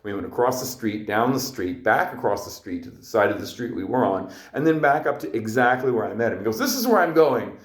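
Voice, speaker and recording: Low-voiced man rambling through a story. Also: a little fast, few pauses. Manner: rambling, earnest, reflective. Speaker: podcast host. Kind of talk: casual storytelling monologue. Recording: echoey room.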